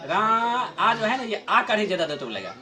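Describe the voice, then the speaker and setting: A middle-aged man teaching a grammar lesson to a class, explaining slowly, repeating his points and chuckling often. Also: high voice, big pitch swings, crowd noise.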